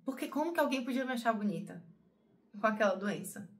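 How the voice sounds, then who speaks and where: A woman's voice: a little high, lively intonation, fast talker. A woman talking to her viewers in a personal, emotional monologue. She rambles, repeats herself and often calls her audience "gente". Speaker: spiritual channel host.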